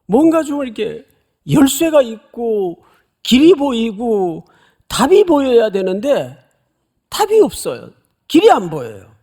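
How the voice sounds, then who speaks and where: A middle-aged pastor preaching an expository sermon, putting questions to the congregation and acting out a loud cry. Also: male voice, very high-pitched, wildly swooping pitch, a little slow. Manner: dramatic preaching, voices the angel's loud cry; addresses congregation directly with questions.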